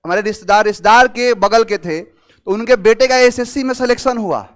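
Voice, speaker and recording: A young man teaching English idioms in a casual classroom style, reading out answer choices slowly and mixing in anecdotes. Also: high voice, a bit bright. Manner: explains slowly, reads options aloud, tells anecdotes.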